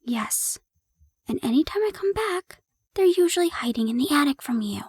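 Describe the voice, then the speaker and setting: A woman voices a loving, frazzled young girlfriend for a roleplay, using a high, expressive voice with a coaxing, teasing manner. This time her mood is soft and pleading, at a normal pace, recorded up close with no echo.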